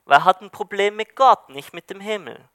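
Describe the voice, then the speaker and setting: A man's voice: high voice, brisk, sharp tone, no echo, clean studio sound. A man preaching a sermon, retelling a story in a searching way with hesitant restarts.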